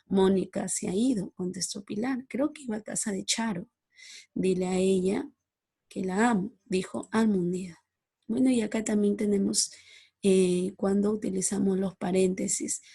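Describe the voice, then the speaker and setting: Husky, gravelly-voiced woman teaching grammar. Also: medium pitch, dark tone. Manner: reads examples aloud in a measured, explanatory way. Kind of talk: recorded slide-presentation lesson.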